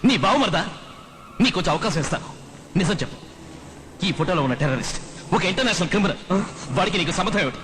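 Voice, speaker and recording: A threatening film cop. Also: male voice, sits high, lively intonation, fast, pauses often, fairly bright tone, a little hiss or hum. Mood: menacing. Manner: threatening, intimidating questioning. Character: menacing male police interrogator. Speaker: interrogating officer. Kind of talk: dramatic film dubbing.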